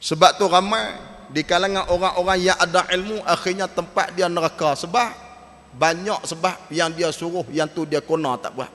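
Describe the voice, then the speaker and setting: A man's voice: high voice, steady tone, moderate pace, a bit bright. A man preaching a mosque sermon, telling stories and acting out the voices of the people in them. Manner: storytelling, acts out quoted voices. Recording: echoey mosque hall.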